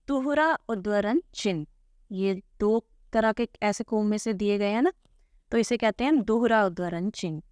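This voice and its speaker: A woman's voice: mid-range voice, a little mellow, no room sound, clean studio sound. A woman teaching a school Hindi lesson, patiently walking through textbook answers and often checking in with "theek hai". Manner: patient, repeats "ठीक है" often.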